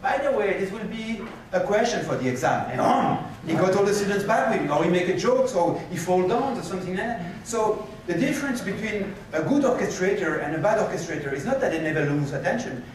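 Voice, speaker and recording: A man giving a conference keynote and answering questions, animated and moving about the stage, recorded from a far camera in a lecture hall. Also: high voice, fairly quick, few pauses, a little hiss or hum. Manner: animated, gestures while pacing the stage. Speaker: keynote speaker. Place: lecture hall with projector screens. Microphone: far room camera.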